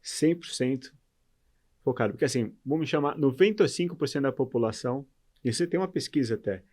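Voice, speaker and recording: A man's voice: medium pitch, expressive, fast talker, darkish tone. A man hosting an interview podcast, agreeing often and asking questions in a casual chat. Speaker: podcast host.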